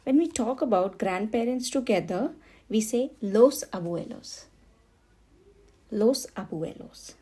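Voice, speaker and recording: A woman's voice: fairly high pitch, lively intonation, slow pace, warm tone, husky. A woman teaching a beginner Spanish lesson, patiently saying each word twice for learners. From India. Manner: patient, repeats words for learners. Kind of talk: slow beginner language lesson.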